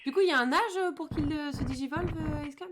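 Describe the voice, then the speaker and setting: A woman's voice: high-pitched, a little fast, background noise. A young woman with a French accent streaming a video game live, chatting casually and joking while she thanks her viewers. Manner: chatty, jokey, reads chat aloud. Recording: music playing behind the voice.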